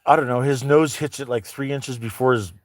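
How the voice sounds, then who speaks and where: A man's voice: medium pitch, fairly even intonation, fairly quick, dry recording. A man vlogging from his vehicle on private land before dawn, rambling casually and swearing as he talks to his dogs. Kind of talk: casual chat while driving.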